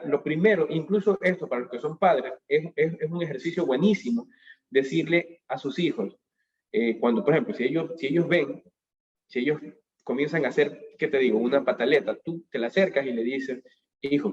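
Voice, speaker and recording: A man giving a motivational lecture on emotions at a business school, animated, asking questions and answering them himself, heard through a webcam on a video call. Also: on the high side, a little fast, dull audio. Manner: animated, asks and answers his own questions. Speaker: speaker at a business school talk.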